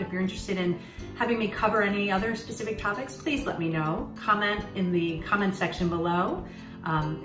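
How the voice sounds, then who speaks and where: A woman in her thirties hosting a home vlog, talking to camera in a relaxed, chatty way with lots of "you know" fillers, recorded in her kitchen on a phone or webcam at arm's length. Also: medium pitch, poor audio. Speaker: host. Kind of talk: casual talk to camera.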